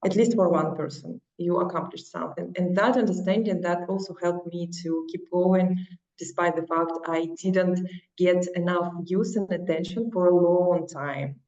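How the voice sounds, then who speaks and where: With a fairly low, darkish voice and a steady tone, a woman speaks at a moderate pace as a guest in a casual interview. She has a Russian accent as a non-native speaker and sounds earnest and encouraging, though the recording is echoey, distant and dull.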